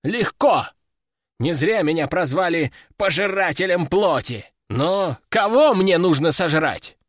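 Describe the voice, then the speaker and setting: A man's voice: sits high, expressive, slow, dry recording, studio quality, exaggerated voice. A man voicing a small, boastful, hungry male demon in an audiobook, snarling his lines. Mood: mocking. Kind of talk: audiobook character voice.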